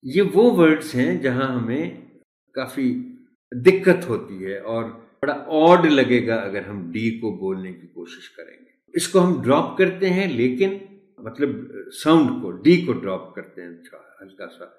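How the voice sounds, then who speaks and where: A man teaching English pronunciation to teachers, speaking slowly and repeating each word to model its stress, with a polite, formal manner. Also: medium pitch, very animated, a little mellow, roomy sound. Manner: slow, deliberate, repeats words to model stress; addresses listeners politely and formally. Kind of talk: tutorial lesson explaining pronunciation.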